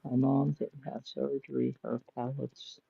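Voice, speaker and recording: A man's voice: mid-range voice, level tone, a little slow, gravelly, mellow, husky, dry recording. A co-host man talking bluntly and swearing freely from home beside a sleeping baby, his voice muffled as if heard through a wall. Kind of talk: casual podcast chat. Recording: dull muffled lo-fi line.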